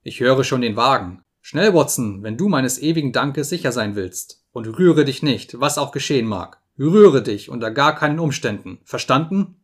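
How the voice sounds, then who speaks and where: A man reading an audiobook, voicing a gravely ill detective who speaks weakly but gives urgent orders. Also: medium pitch, normal speed, natural voice. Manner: urgent, insistent, giving orders. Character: sick feverish detective, weak but commanding.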